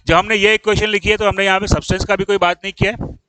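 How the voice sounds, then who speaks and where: A man's voice: sits high, level tone, very fast, sharp tone, smooth, no echo, rough recording. A man teaching an engineering class, explaining step by step and often asking whether students follow. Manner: explains, then checks understanding with frequent questions; scolds students in exasperation. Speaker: engineering lecturer. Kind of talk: classroom lecture.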